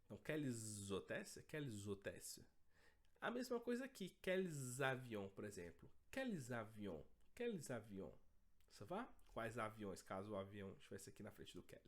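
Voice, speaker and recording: A man's voice: fairly low pitch, moderate pace. A man teaching a French lesson, checking in often with his students. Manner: lively, checks in often with the class. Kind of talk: language lesson.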